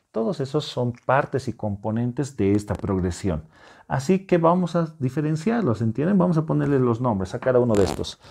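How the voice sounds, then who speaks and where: A man's voice: mid-range voice, gravelly, mellow. A man teaching a math lesson to secondary students at a whiteboard. He explains step by step, reassures the class, and keeps checking that they follow. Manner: patient, explaining step by step with frequent check-in questions.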